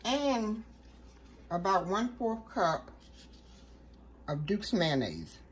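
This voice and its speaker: A woman hosts a home cooking show and talks through each step of a recipe. Her pitch sits in the middle, and her manner is relaxed and chatty, with small asides. A faint hiss of room noise sits behind her. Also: slow pace, rough recording. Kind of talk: casual cooking demonstration.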